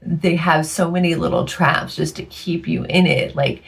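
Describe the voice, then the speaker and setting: A woman's voice: deep voice, steady tone, moderate pace, gravelly. A woman hosting her own podcast in a casual monologue, chatty and tired, laughing often and losing her voice. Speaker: podcast host.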